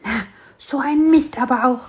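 Fussy little storybook sparrow, scolding, high; woman reads it. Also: normal speed, darkish tone. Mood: grumbling. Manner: scolding, fretful. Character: small grumpy excitable sparrow.

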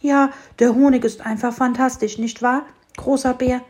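Fussy little storybook sparrow, scolding, high; woman reads it. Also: steady tone, normal speed, a little mellow, close to an everyday voice. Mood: admiring. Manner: scolding, fretful. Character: small grumpy excitable sparrow.

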